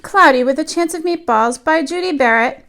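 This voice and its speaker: Reading a picture book aloud to young children, a woman sounds like a teacher at storytime, expressive and deliberate. Her voice is high, with a slight hiss or hum in the audio.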